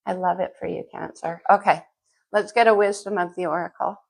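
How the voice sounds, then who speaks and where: Low, gravelly woman giving a tarot reading. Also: fairly even intonation, fairly quick. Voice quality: slightly muffled speech from dental work. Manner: conversational, musing aloud, addressing the listener directly. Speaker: astrologer and tarot reader. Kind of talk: casual tarot horoscope reading.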